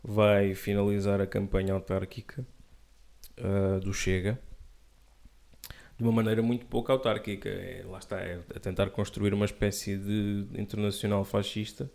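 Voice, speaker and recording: A man's voice: fairly low pitch, flat delivery, normal speed, creaky, darkish tone. A man co-hosting a casual political chat, delivering wry, sarcastic asides. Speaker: podcast co-host.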